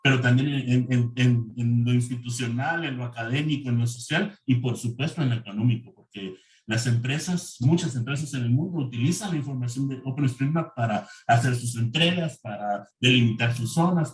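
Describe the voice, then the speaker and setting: A man's voice: mid-range voice, brisk. A man giving a conference presentation over a video call, hesitant with many fillers. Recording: roomy, distant mic.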